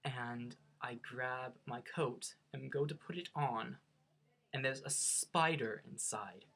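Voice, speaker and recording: Speaking slowly in a gravelly, somewhat bright medium-pitched voice, a young man from the US with a faint Norwegian accent shares an amusing story about himself. He vlogs casually, pokes fun at himself, and restarts hesitantly now and then.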